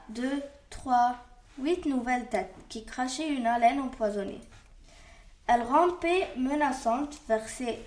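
A woman reading a storybook aloud slowly and carefully, with restarts. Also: high voice, a little mellow. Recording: roomy echo.

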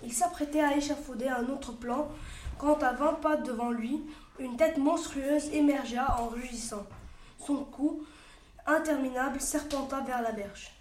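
A woman reads a storybook aloud carefully, sometimes restarting words. Her voice is high. The room gives a roomy echo. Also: a little slow, a little hiss or hum.

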